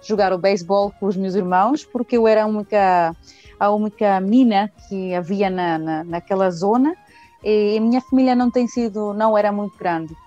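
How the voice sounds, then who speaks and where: A woman from Venezuela answers interview questions in a relaxed manner, with filler sounds. Her voice is mellow and warm. The recording is dull and lo-fi, with faint music in the background. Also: medium pitch, fairly quick. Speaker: singer, interview guest. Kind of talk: casual interview talk. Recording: muffled lo-fi audio with faint music.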